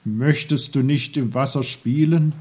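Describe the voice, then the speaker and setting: Guy doing a gruff little schoolmaster uncle, lecturing, dark husky voice. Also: mid-range voice, a little slow.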